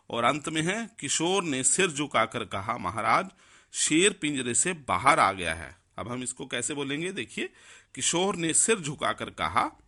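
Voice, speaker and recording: Male teacher, unhurried and methodical, spells words out step by step; lively intonation. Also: mid-range voice. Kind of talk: explaining a Hindi grammar lesson.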